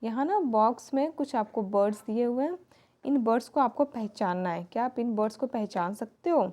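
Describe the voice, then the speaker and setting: A woman's voice: fairly high pitch, lively intonation, dark tone. A woman teacher explaining a children's lesson, spelling words out letter by letter. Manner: reads English lines slowly, spells words letter by letter.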